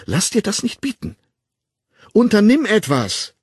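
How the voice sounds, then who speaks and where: A man's voice: high voice, huge pitch swings, a little slow, slightly rough, dry recording, studio quality, pitched above the performer's own voice, exaggerated voice. A man reading an audiobook, voicing a bossy young woman who lectures her friend in an emphatic, pushy way. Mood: insistent. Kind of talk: audiobook character voice.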